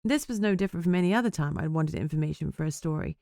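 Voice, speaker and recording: Wry, self-mocking vampire journalist, read by a woman in a low-pitched voice, first-person storybook narration, dry close sound. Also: lively intonation, very fast, vocal fry, warm tone, no echo. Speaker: audiobook narrator.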